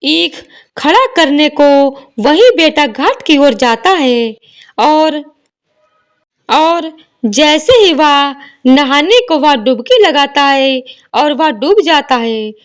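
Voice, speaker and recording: In a high-pitched voice, a woman narrates a devotional folk tale with a steady, measured storytelling style.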